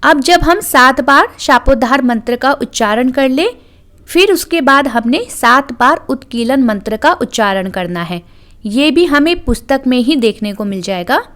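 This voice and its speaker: A woman presenting a devotional channel, calmly explaining a ritual step by step in scripted narration. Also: sits high, measured pace.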